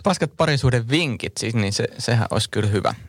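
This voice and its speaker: A man's voice: medium pitch, lively intonation, no echo. A man co-hosting a casual podcast, joking around and laughing a lot. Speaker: podcast co-host.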